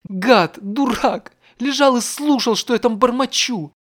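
A man voicing a flustered, sharp-tongued young woman who bursts out in shrill exclamations. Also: very animated, normal speed. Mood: furious. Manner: shrill, exclaiming, emotional outbursts.

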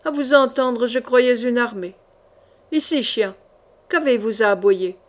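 A woman's voice: a little high, steady tone, moderate pace, close to an everyday voice. A woman voicing an old male soldier, boastful and fearless, who taunts his attackers in an audiobook reading. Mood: taunting. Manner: mocking, swaggering taunts.

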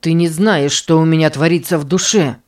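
Woman voicing a bitter boy, snapping and resentful, kinda low. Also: steady tone, moderate pace, darkish tone, natural voice. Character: angry hurt boy, bitter and distrustful.

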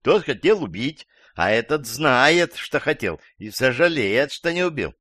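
A male audiobook reader voicing an agitated, suspicious old woman witness who talks in a shrill, accusing way. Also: sing-song, measured pace, a bit bright, no echo, clean studio sound. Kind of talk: audiobook character voice.

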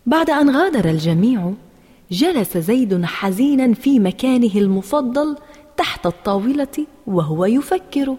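A woman narrating a children's story in an expressive, sing-song way, with a husky voice in a long reverb. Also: fairly high pitch, normal speed.

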